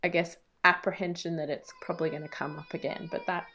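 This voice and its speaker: A woman with a low, gravelly, creaky voice repeats short phrases softly during a tapping session. When she chats, she rambles casually with plenty of fillers. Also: fairly even intonation, fast. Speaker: guest, nutritionist.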